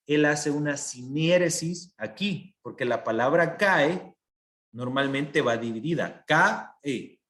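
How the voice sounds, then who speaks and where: A man's voice: mid-range voice, a bit bright. A male teacher giving an online language lesson, explaining step by step and often checking that his students follow. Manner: patient, explains step by step with frequent checks for understanding. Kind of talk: online class lecture.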